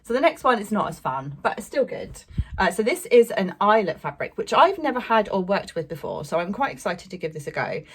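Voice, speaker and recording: A woman's voice: medium pitch, very animated, fairly quick, slightly rough. A young woman chatting casually about fabric she bought, rambling with lots of fillers and little laughs. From England. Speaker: sewing vlogger. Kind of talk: casual fabric haul chat.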